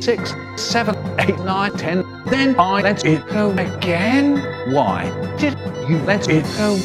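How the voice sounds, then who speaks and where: A man's voice: big pitch swings, takes it slowly, music in the background. A man whose speech is spliced together word by word from recordings, so it sounds choppy and boastful in a comic rant. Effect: spliced together words cut from recordings, pitch and loudness jumping between words. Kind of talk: comic sentence-mixing rant.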